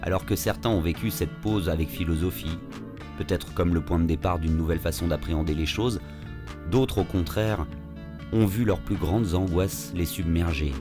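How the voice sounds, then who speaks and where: Man, French accent from France, very low pitch, slushy sh for s, podcast storytelling, music underneath. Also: moderate pace. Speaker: podcast narrator and actor. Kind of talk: scripted first-person storytelling with acted dialogue.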